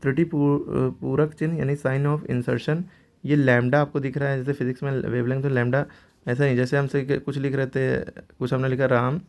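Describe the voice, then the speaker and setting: Gravelly-voiced man teaching grammar. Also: medium pitch, little pitch movement, normal speed, darkish tone. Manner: patient, repeats "ठीक है" often. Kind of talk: explaining grammar to students.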